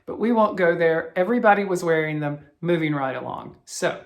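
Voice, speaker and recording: A man's voice: on the high side, expressive, brisk, creaky. A man from Alabama hosting a cross-stitch video channel, talking in a chatty, rambling, self-deprecating way. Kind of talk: casual chatty vlog.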